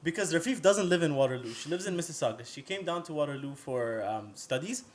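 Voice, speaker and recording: Young male co-host with a slightly raised pitch, lively teasing storyteller, talks fast. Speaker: podcast co-host. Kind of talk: casual storytelling chat.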